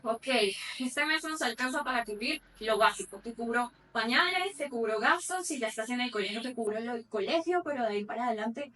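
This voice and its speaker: Woman in her 30s, podcast chat, thoughtful and earnest, higher voice a bit off the mic. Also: animated, fairly quick, hardly any pauses, bright, forceful tone, distant mic, a little hiss or hum. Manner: reflective, earnest, talks at length with self-corrections. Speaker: podcast co-host. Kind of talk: casual chat.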